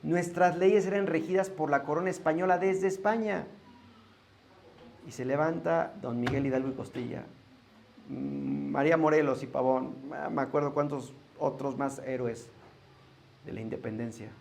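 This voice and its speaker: A man's voice: a little high, steady tone, normal speed, vocal fry, a little mellow. A man from Mexico with a Mexican accent, preaching a sermon in a conversational teaching manner and asking the congregation questions. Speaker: pastor.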